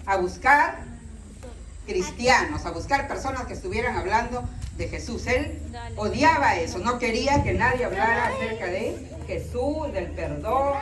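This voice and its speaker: A woman tells a story to a group, slowly and a little high, stopping often to quiz her listeners. She sounds distant in an echoey room. A crowd is audible behind her. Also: lively intonation. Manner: asks listeners questions.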